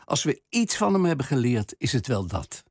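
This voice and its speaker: Measured man presenting on radio. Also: medium pitch, big pitch swings, a little mellow, husky, no room sound, clean studio sound. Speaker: radio host. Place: radio studio. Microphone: studio microphone.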